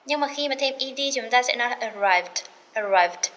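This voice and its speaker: A woman teaching an English lesson, chatty and encouraging, slowly repeating words to drill their pronunciation and mixing in English phrases. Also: sits high, flat delivery, pushed and bright. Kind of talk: recorded classroom lesson.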